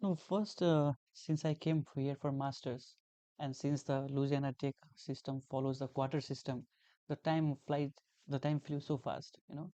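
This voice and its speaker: A man's voice: mid-range voice, steady tone, moderate pace, mellow, no room sound. A young man from Nepal, a guest talking earnestly in a casual interview, repeating phrases with many fillers. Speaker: guest, graduate teaching assistant.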